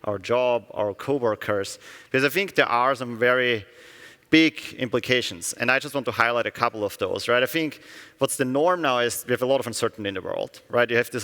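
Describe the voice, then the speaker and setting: A middle-aged man from Austria speaks at a conference at a medium pitch, loose and conversational. He keeps checking in with the audience with a quick "right?". His voice carries the long reverb of a large hall. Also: fairly bright tone. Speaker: company executive giving a keynote. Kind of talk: conference keynote talk.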